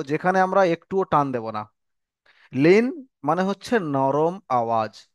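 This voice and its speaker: A man teaching Quran letter reading in an online class, slow and patient, repeating phrases and calling his students brother. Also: fairly high pitch, no echo, clean studio sound. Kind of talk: online lesson.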